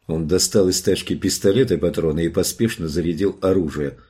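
Low husky male audiobook narrator. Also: fairly quick, warm tone. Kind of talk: scripted narration.

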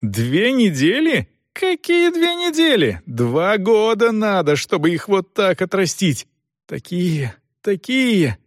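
A man reading an audiobook, voicing an excitable young man who protests hotly and is proud of his mustache. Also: mid-range voice, normal speed, no echo, studio quality, natural voice. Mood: indignant.

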